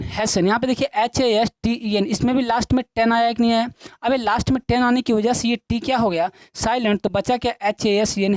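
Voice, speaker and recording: Her voice is a little high and darkish, captured with no room sound. She teaches a classroom-style English video lesson, repeating each point to students she calls children and answering the questions she asks them.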